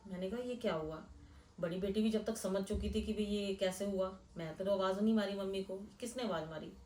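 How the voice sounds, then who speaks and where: A woman's voice: medium pitch, brisk, a little mellow, recorded from a distance. Woman telling a true scary story in an echoey room. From Delhi, India. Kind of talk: first-person recounting of a real incident. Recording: echoey room, voice a bit off-mic.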